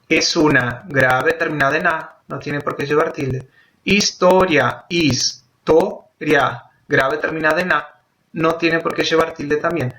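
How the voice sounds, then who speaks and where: A man teaching a grammar lesson, explaining step by step and slowing down to spell out example words. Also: on the high side, bright, forceful tone. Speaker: Spanish teacher. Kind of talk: grammar lesson for Portuguese speakers.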